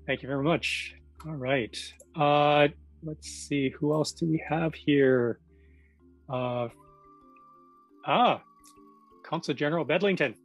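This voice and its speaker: A man's voice: fairly high pitch, slow pace, long pauses, faint music behind. Man hosting a video call, friendly. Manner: casual, friendly, calls on guests by name. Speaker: event host.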